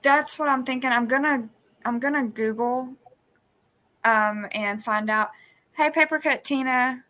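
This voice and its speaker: A woman's voice: high-pitched, measured pace, pushed and bright. A woman hosting a live stream, chatting casually and rambling with many restarts. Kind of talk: casual chat. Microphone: phone.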